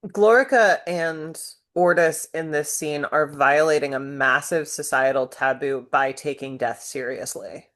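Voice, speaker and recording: A woman with a notably low voice co-hosts a relaxed book-club podcast. She works through the text in a measured, analytical way and keeps raising questions. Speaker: podcast co-host.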